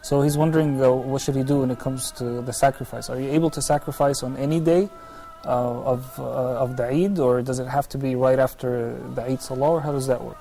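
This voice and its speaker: A man's voice: medium pitch, steady tone, a little fast, few pauses, mellow, low-quality recording. A man hosting a live call-in talk show, greeting callers and passing their questions to a scholar. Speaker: live show host taking calls.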